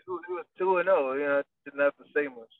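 A man who coaches boxers speaks briskly in a voice on the high side, rambling casually through an interview with lots of fillers and restarts. There's no room sound; the audio is dry, distant, and phone-like.

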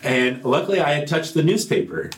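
A man's voice: on the high side, big pitch swings, a little fast. A man telling a playful story in casual chat at a group meeting, building suspense. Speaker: church group member. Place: meeting room. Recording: echoey room with faint noise.

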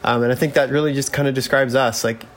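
A man's voice: medium pitch, fairly even intonation, fast. A man talking informally as a guest on a podcast, rephrasing his points as he goes. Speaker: podcast guest, advocacy group director. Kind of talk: casual interview chat. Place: basement of a guest home.

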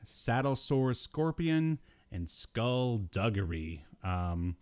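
In a clean, darkish, mid-range voice with a sing-song lilt, a podcast host speaks slowly. His casual talk about old cartoons is full of joking riffs and exasperation.

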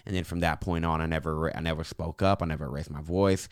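A young man speaking earnestly and encouragingly as an interview guest, with a slight impediment that softens his r's toward w and affects his s's. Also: very deep voice, fairly even intonation, fast talker, clean tone, no echo, clean studio sound. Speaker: podcast guest. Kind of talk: earnest personal reflection in an interview.

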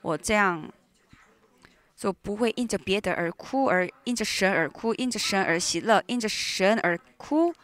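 Woman translating a sermon live, choppy phrasing, keeps restarting, mid pitch. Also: lively intonation, a bit bright. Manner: halting, with frequent restarts and fillers. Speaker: sermon interpreter. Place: church hall.

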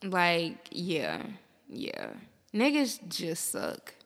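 A woman, hosting a podcast in animated, slangy, profane banter. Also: lowish voice, gravelly, big-room sound. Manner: animated, slangy, quick to laugh. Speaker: podcast host.

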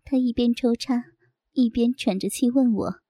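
A woman narrating a first-person audio story with a fairly high voice. Her tone is mellow and soft, and her telling is intimate and unhurried. The recording is dry and close. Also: dry recording.

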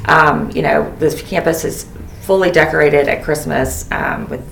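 A woman's voice: low voice, fairly even intonation, moderate pace, creaky, fairly bright tone, roomy sound, far from the mic, slight background noise. A woman hosting a school podcast interview, chatty and encouraging, with many ums. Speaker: host, dean of students.

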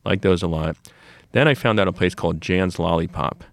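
A man's voice: low-pitched, brisk, vocal fry, no echo. A middle-aged man who runs a comic shop, telling long rambling stories on a podcast with many restarts and asides. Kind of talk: casual storytelling conversation.

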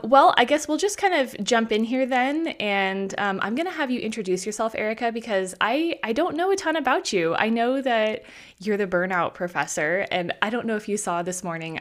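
A woman podcast host with a chatty, upbeat, informal way of talking, addressing her listeners directly. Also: mid-range voice. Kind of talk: scripted ad read and casual podcast chat.

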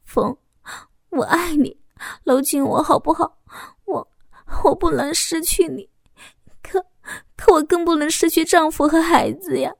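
A woman's voice: high-pitched, unhurried, vocal fry, no echo, studio quality, pitched above the performer's own voice. A woman playing a sobbing, guilt-torn wife. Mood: tearful pleading. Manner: sobbing, stammering pleas. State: crying.

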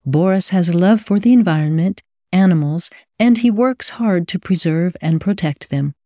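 A woman's voice: lowish voice, moderate pace, mellow, dry recording, clean studio sound. A woman hosting a podcast, reading scripted intros and interviewing a guest in an upbeat, effusive way. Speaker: podcast host.

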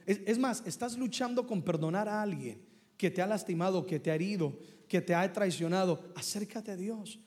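A high-pitched man delivers a sermon as pastor, drawing responses from his congregation. His voice rings out with a long hall reverb behind it, the sound of a church hall. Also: moderate pace, a little mellow. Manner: preaching to a congregation, calling for responses.

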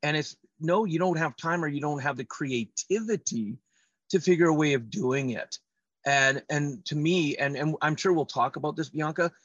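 A man's voice: medium pitch, fairly bright tone, dry recording, highs cut off. A man speaking as an interview guest, telling personal stories conversationally and emphatically. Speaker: podcast guest, trainer and speaker.

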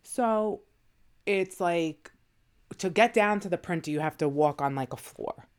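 A woman's voice: lowish voice, expressive, unhurried, clean tone. A woman, co-hosting a podcast and telling stories in casual chat. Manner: chatty storytelling, laughs often. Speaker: podcast co-host.

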